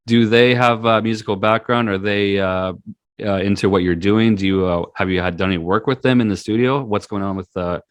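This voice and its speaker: A man's voice: fairly low pitch, steady tone, brisk, clear, resonant tone, dry recording. A man hosting an interview, asking long, chatty, rolling questions. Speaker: interview host. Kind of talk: casual interview.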